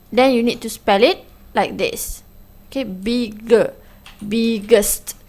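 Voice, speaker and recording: A woman, explaining English grammar as a teacher, going slowly and switching into Malay to explain. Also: a little high. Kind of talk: classroom lesson narration.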